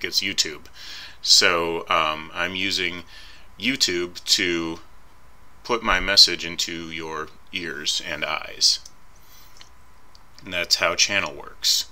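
A man lectures over slides in a casual, conversational way, pausing on fillers and fixing his own slips. His voice sits very low but has a crisp, forceful brightness. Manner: informal, thinking aloud with fillers and self-corrections. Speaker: instructor.

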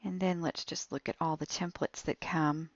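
A woman walking through an app tutorial step by step, in a slow, explaining way. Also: deep voice, steady tone, dry recording, dull audio. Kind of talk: screen-recorded app tutorial.

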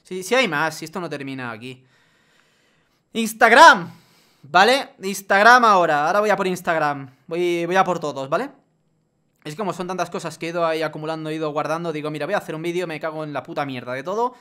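A man delivers a profane, exasperated vlog rant. His voice sits a little high and rings bright and forceful. He swings between loud outbursts and low muttering. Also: quick pace, clean tone. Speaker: YouTuber. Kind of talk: ranting vlog monologue.

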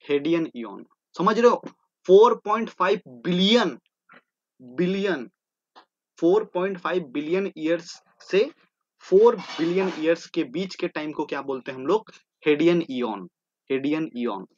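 Male tutor, exam-prep lecture, asks and answers himself, slightly high-pitched, dull lo-fi recording. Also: animated, unhurried, no echo. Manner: repetitive, drilling terms, asking and answering his own questions. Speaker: teacher. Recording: dull lo-fi sound.

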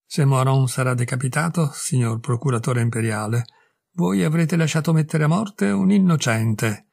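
A man voicing a troubled old prison chaplain who speaks in a solemn, moving tone with a gravelly voice. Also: medium pitch, normal speed, darkish tone. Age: older.

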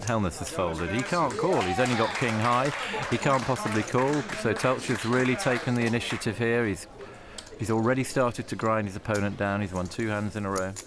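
A man giving calm, analytical commentary on live poker. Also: fairly low pitch, fairly quick. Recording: crowd noise in the venue. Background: crowd noise.

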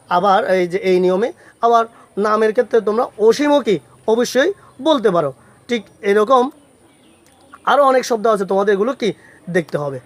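A man teaching a pronunciation lesson to students. He keeps putting questions to the class and answering them himself, and he says each example word slowly and more than once. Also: high voice. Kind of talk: Bengali grammar lesson for students.

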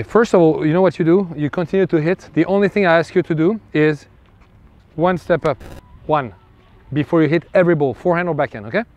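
A man coaching a tennis player on court, giving short instructions and quick bursts of encouragement. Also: a little high, a little mellow. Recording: dull lo-fi sound, faint outdoor noise.

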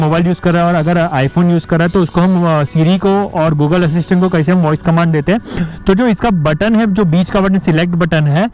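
A motovlogger in his thirties with an Indian accent and a high-sitting, darkish voice explains a tutorial step by step, mixing in English terms. He speaks to camera and in voice-over, with background music behind him on a rough recording.

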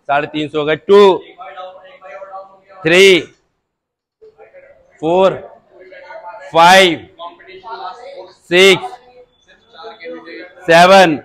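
High-voiced gym trainer counting squat reps slowly. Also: male voice, poor audio. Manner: slow steady rep counting with short urging shouts. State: dry throat from counting. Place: indoor gym.

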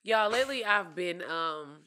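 A woman's voice: fairly low pitch, unhurried. A woman co-hosting a casual podcast, telling blunt, slangy stories with frequent laughter. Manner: animated storyteller, laughs often, slangy and blunt. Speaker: podcast co-host. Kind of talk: casual chat.

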